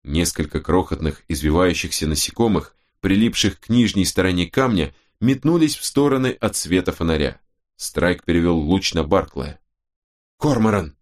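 A male narrator reads a novel aloud in a very deep, low voice. The reading is steady and measured throughout. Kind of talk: scripted audiobook narration.

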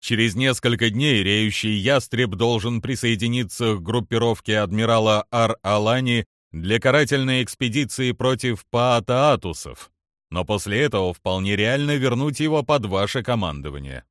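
A man's voice: medium pitch, moderate pace, fairly bright tone, no echo, lightly acted. A man reading the lines of a seasoned alien male general in an audiobook, dry and guarded in tone. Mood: wry, guarded.

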